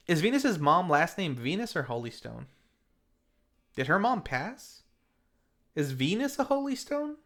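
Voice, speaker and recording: Faint music runs under this man's slightly high, somewhat bright voice as he hosts a film review. He narrates a scripted recap playfully and tongue-in-cheek, throwing in theatrical asides.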